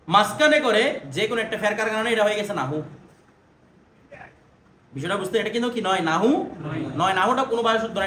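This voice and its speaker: High-voiced male teacher in echoey classroom. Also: pushed and bright. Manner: asks students questions and drills pronunciation. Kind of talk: classroom lesson. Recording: echoey room with background noise.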